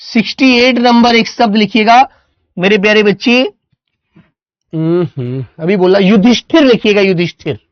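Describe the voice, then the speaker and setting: Guy teaching hindi online, dictates words slowly, kinda dull dry audio. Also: high voice, no echo. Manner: dictating words slowly, calling students "beta". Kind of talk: online class lecture.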